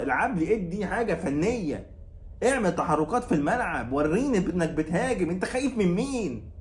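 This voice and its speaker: An Egyptian man on his own football channel, scolding and sarcastic, piling up the same complaints again and again. His talk runs quick and sits a little high. The room around him is echoey. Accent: Egyptian Arabic. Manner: heated, scolding, repetitive and sarcastic. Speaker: football commentator and channel host. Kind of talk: angry fan rant about a match.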